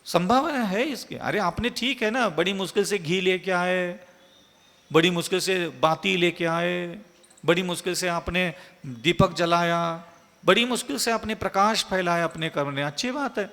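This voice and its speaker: A man's voice: high voice, normal speed, a bit bright, long reverb tail. A man, a monk, giving an emphatic, repetitive sermon full of rhetorical questions. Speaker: Jain monk giving a discourse.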